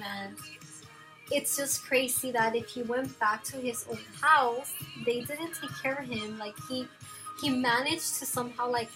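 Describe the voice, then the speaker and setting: A young woman talks straight to the camera from home, spinning a personal story in loose, chatty sentences full of filler words. Her voice sits a little high. Clear music plays underneath her. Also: rough recording. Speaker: vlogger. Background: background music.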